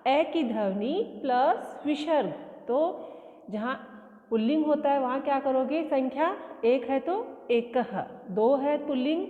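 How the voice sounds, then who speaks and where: High-voiced woman teacher, tinny and echoey. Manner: asks questions and answers them herself, slow repetitive explaining. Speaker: school Sanskrit teacher. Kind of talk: classroom lesson explaining exercises. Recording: echoey room, tinny phone-like sound.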